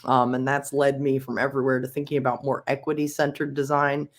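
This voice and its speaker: A woman's voice: a bass voice, level tone, a little fast. A woman from Philadelphia, a UX researcher guesting on a podcast, talking casually with many ums and easy laughs. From Philadelphia, USA. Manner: chatty, frequent ums, laughs easily. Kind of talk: casual interview chat.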